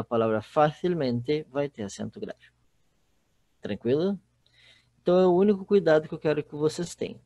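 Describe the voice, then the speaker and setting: A man's voice: mid-range voice, a little mellow, no room sound. A man with a Brazilian Portuguese accent teaching a recorded online class, explaining step by step and often checking in with the students. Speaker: Spanish teacher.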